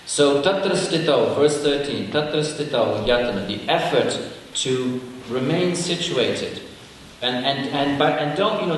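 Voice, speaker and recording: A man's voice: on the high side, fairly bright tone. A man teaching yoga philosophy to a group at a retreat, talking conversationally and checking in with his listeners. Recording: echoey hall recorded from far off, faint hiss.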